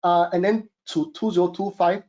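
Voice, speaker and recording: A man's voice: sits high, fairly even intonation, moderate pace, a little mellow, dull audio. Singaporean man, webinar presenter, chatty with lots of fillers, home studio. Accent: Singaporean English. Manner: chatty, many fillers, addresses audience as guys. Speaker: webinar host and e-commerce consultant.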